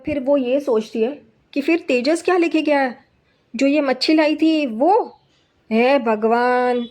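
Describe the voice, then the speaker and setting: A woman's voice: high voice, moderate pace, a little mellow. A woman narrating a casual recap of a TV serial episode, retelling scenes and quoting the characters' lines in a plain voice.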